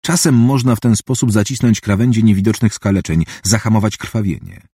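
Give me a man voicing a blunt male doctor in an audiobook, dark and dry. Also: fairly low pitch, brisk, breathy edge, no room sound. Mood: skeptical. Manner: blunt, questioning.

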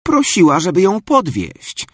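A man's voice: high voice, huge pitch swings, measured pace, husky, dry recording, studio quality, voice pushed up, full character voice. Man doing an anxious little schoolgirl. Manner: urgent, pleading calls. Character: anxious punctual young schoolgirl.

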